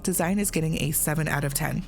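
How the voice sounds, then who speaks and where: A woman's voice: low voice, fast, vocal fry, over music. A woman hosting a scripted game review, with a conversational, opinionated delivery. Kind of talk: scripted video review narration.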